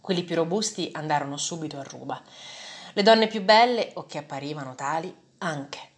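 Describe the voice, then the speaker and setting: A woman reading a first-person story aloud in a measured, dramatic way. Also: low-pitched, expressive.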